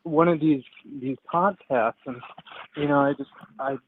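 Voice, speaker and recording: A young man in his twenties calls in while driving, his voice carried over a car Bluetooth link that sounds thin, tinny and distant. He talks in halting bursts, tripping over his words and starting again, with a faint hiss under the line. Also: on the high side. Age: 20s. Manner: halting, many stammered restarts. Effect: phone call over car Bluetooth, sounding far from the mic. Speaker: caller. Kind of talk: call-in chat.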